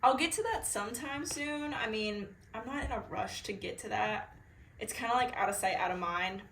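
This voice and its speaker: A woman's voice: fairly high pitch, moderate pace, fairly bright tone, reverberant, slight background noise. A young woman, chatting bubbly and casually about books in a reaction vlog. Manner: bubbly, chatty, filler-heavy. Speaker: book vlogger.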